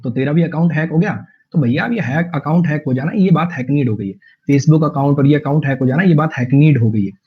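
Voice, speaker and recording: A man's voice: fairly high pitch, quick pace, breathy edge, lo-fi sound. A man teaching English vocabulary to students in an online class, repeating words many times and drawling his English example sentences. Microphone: online class stream.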